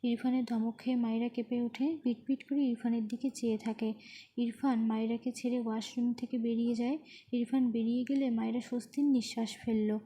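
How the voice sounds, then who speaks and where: A woman reading a dramatic audio story aloud in a soft, even voice, speaking every character's lines herself. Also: fairly high pitch, fairly quick, husky. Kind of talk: scripted dramatic narration.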